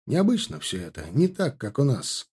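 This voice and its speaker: Man doing a casual young lieutenant, mellow dark voice. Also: mid-range voice, wildly swooping pitch, moderate pace, breathy edge. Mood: chatty. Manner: chatty, dismissive. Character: young male lieutenant, easygoing.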